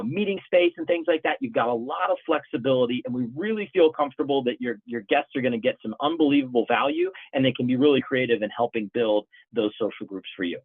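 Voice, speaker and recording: A man presenting a sales webinar, bantering like a game-show host. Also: medium pitch. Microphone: video call. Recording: tinny phone-like audio.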